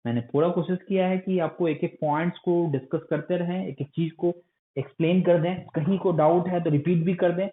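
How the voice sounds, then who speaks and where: A man's voice: high-pitched, steady tone, brisk. A male math teacher giving an online lecture, in terms, coaxing and scolding his students like a strict elder. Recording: phone-like lo-fi recording.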